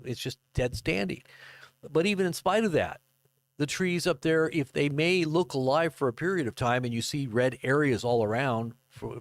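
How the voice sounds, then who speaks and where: A man in his fifties giving casual live commentary and reading news reports aloud, halting and rambling as he goes. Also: medium pitch, no room sound. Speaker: livestream commentator. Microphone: close desk microphone.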